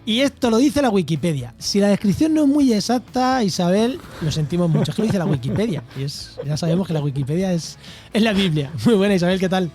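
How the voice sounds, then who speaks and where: Over soft background music, a high-voiced, animated man talks quickly with a slightly mellow quality. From La Mancha and speaking with a Spain Spanish accent, he's a podcast co-host and interviewer who keeps things jokey, talkative and informal.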